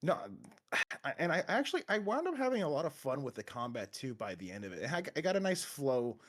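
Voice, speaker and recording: A man's voice: fairly high pitch, very animated, fast. A man co-hosting a casual gaming podcast, talking in long rambling runs with many restarts and fillers. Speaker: podcast co-host.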